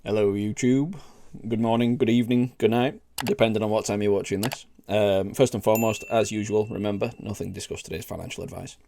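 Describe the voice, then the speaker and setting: A man's voice: lowish voice, darkish tone. A middle-aged man with an old Yorkshire accent, speaking bluntly and plainly as he hosts an informal educational video, often checking in with short tag questions. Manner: blunt, plain-spoken, often tags sentences with "right?" and "okay?". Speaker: host of a trading tips video series. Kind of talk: informal educational monologue to camera.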